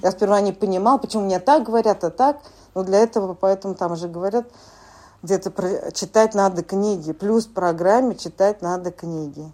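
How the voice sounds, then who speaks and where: Woman, 40s, group member sharing; mellow, dark tone, halting delivery. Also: medium pitch. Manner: halting, plain speech with many filler words. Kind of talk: sharing at a recovery group meeting.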